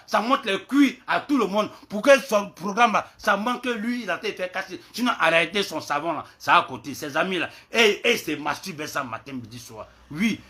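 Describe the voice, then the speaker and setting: A man delivers a heated, repetitive rant straight to his viewers. His voice is bright and ringing and sits a little high. He swings between loud outbursts and low mutters. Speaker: online commentator. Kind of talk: ranting commentary video.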